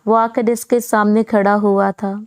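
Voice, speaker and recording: A woman narrating a romance novel aloud in a steady storytelling manner. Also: medium pitch, smooth, dry recording.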